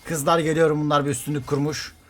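A man streaming a game, talking fast to viewers and teammates, swearing casually and getting excited by turns. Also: fairly high pitch. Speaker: gaming streamer. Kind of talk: live gameplay commentary.

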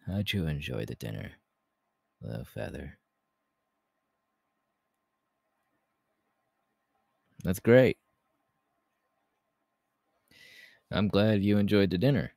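Very deep, gravelly Hawks, romantic ASMR man acting. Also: expressive, warm tone, dry recording, exaggerated voice. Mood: relaxed, playful. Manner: intimate, halting, breathy laughs and sighs. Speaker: voice actor, ASMR artist. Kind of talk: romantic ASMR audio roleplay.

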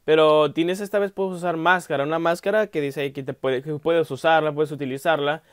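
A young man giving let's-play commentary, rambling aloud with many fillers and bursting into loud yelps whenever something startles him. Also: a little high, fairly even intonation, a little fast, clean tone, no echo, studio quality. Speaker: gameplay commentator.

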